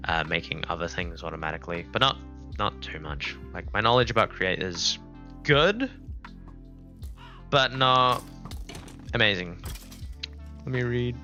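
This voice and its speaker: Unscripted and rambling, an Afrikaans-speaking South African man with a South African accent thinks aloud on a live game stream from his laptop indoors, music in the background. He speaks unhurriedly with frequent pauses, in a fairly low, sharp-toned voice with lively intonation. The audio is dull.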